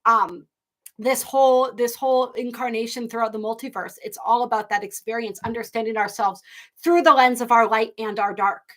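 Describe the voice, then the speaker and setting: Speaking at a normal speed with a steady, fairly bright tone and a slightly high pitch, the host of a live astrology and tarot stream talks effusively and casually to her audience. She rambles through many restarts, occasionally on the verge of tears.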